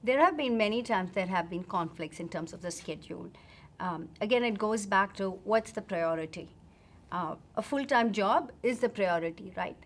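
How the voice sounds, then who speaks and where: Middle-aged woman, interview guest, steady explanatory tone, lots of uh and um, mid-range voice. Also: mid-range voice. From India. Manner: measured, explanatory, with frequent fillers. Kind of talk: interview answers.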